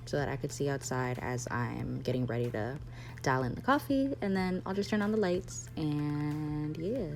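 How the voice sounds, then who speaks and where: A woman's voice: low voice, normal speed, creaky, soft background music. A young woman narrating a casual vlog as a barista, chatty and slangy, often joking about herself. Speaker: barista vlogger.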